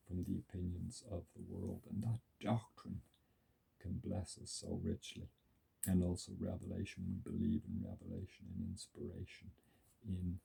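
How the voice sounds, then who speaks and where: A man with a very low, heavily gravelly voice gives reflective religious commentary. His tone is dark and mellow, and the sound is husky and rough. He talks earnestly and piles up words for emphasis. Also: rough recording.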